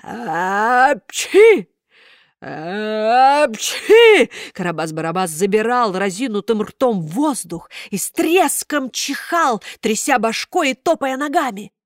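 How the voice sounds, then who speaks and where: Brief: woman storyteller, animated and dramatic, fairly high voice, close dry sound. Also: normal speed, hardly any pauses, no room sound. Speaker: narrator. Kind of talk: expressive storybook reading.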